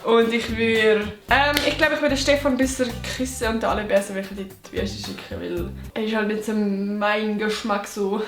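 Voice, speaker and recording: A woman's voice: mid-range voice, steady tone, moderate pace. A young woman with a Swiss German accent, chatting casually in an informal, slangy way. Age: young adult. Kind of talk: casual chat. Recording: roomy echo with music. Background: music.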